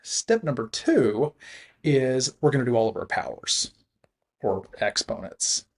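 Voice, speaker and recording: A man teaching a recorded math lesson, talking through the steps in a relaxed way and chuckling at his own slips. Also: mid-range voice, measured pace, slightly rough.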